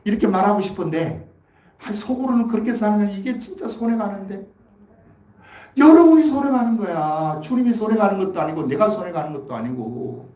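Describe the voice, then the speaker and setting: A man's voice: sits high, lively intonation, fast, darkish tone. A man preaching a Sunday sermon as pastor, telling a story in a folksy way and then pressing the point with emphatic exhortation. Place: church sanctuary. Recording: echoey church hall.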